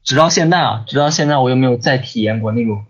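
On a ghost-story podcast, a fast-talking male guest with a mid-range voice spins out a lengthy personal tale. His telling is loose and rambling, full of repeated words and frequent "你知道吗" questions. Faint music plays behind the muffled, lo-fi recording.

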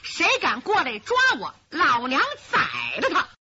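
A woman storyteller voicing a fiery old martial woman, high and wildly swinging in pitch, hurling threats. The tone is bright with a husky edge, and the recording sounds dull and lo-fi. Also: sing-song, measured pace, full character voice. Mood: defiant. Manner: threatening, shouting. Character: fiery female master's wife, fierce and defiant.

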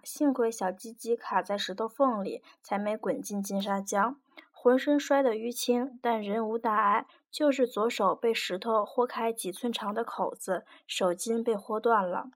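A woman reading an audiobook in a lively, wry storytelling manner. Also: a little high. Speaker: audiobook reader. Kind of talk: scripted audiobook narration.

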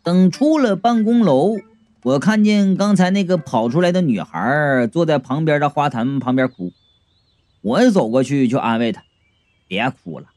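Lively, wry male storyteller. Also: fairly high pitch, normal speed, no echo. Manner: wry, jokey asides. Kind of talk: comic audiobook narration. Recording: faint background music.

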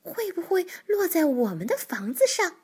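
A woman voicing an excitable young male frog in a children's storybook, shrill and gushing. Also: moderate pace. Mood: eager. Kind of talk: storybook reading.

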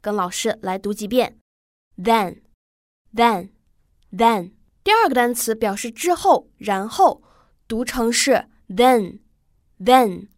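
A woman who is an English teacher giving a pronunciation lesson, with friendly classroom prompts and slow, clear drilling of words for the class to repeat. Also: fairly high pitch, very animated, no echo, studio quality.

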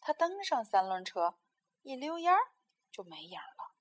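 A woman reading a children's story aloud in a gentle, expressive way. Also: high-pitched, moderate pace.

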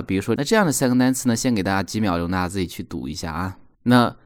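Guy teaching english sounds, lowish voice that bounces around a lot, says words slow and repeats em. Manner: explains patiently, models words slowly and repeats them. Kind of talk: recorded pronunciation lesson.

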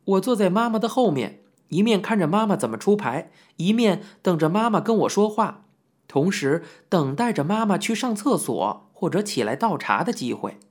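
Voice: mid-range voice, sing-song, normal speed, a little mellow. An audiobook narrator telling a first-person memoir in a reminiscing storytelling manner, with occasional asides to the listener.

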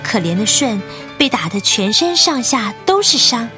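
A woman narrating a children's history story in an expressive, clear way. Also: on the high side, normal speed, over music. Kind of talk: scripted storytelling.

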